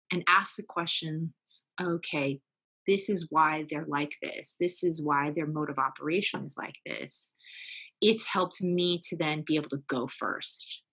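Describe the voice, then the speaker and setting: A woman's voice: fairly low pitch, sharp tone. A young woman as a podcast guest, earnestly telling a personal family story with fillers and restarts.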